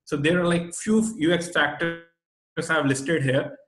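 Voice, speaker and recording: A man with an Indian accent presents a webinar in a fairly high voice. He explains things didactically and leans on his key points. The sound is noticeably roomy and echoey. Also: fairly even intonation, a little slow, fairly bright tone, soft background music. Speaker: webinar presenter, SEO expert.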